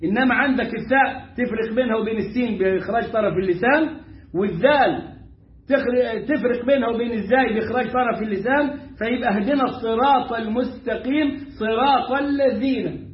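A man with an Egyptian accent teaching Quran recitation, repeating words slowly to show how they are pronounced. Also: very high voice, reverberant, lo-fi sound. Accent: Egyptian Arabic. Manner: demonstrates pronunciation by repeating words slowly, animated and emphatic. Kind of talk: Egyptian colloquial tajweed lesson.

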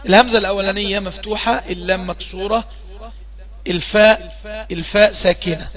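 A man with an Egyptian accent leads a tajweed lesson, his voice high and bright. He questions his students patiently and goes over each point again and again. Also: poor audio. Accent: Egyptian Arabic. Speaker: Quran recitation teacher.

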